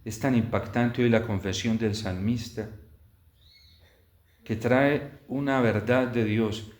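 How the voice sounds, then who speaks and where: A man, a priest, celebrating Mass and preaching a homily in slow, measured phrases, heard with an echoey church reverb. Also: mid-range voice, steady tone. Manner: slow, measured preaching with long pauses, rising in intensity.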